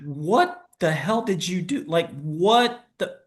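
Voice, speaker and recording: High-pitched and animated yet slow, a middle-aged entrepreneur shares his story as a guest on a casual podcast interview. He is candid and self-deprecating, now and then tripping into stammered restarts.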